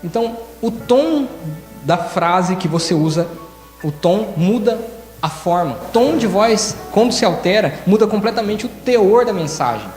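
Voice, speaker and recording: A man gives a sermon in a reverberant church hall, and his voice sits a little high for a man. He keeps breaking into little acted examples of different tones of voice. Soft music plays faintly behind him. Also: expressive, unhurried. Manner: demonstrative, acts out tones of voice in quoted examples. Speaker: church elder preaching.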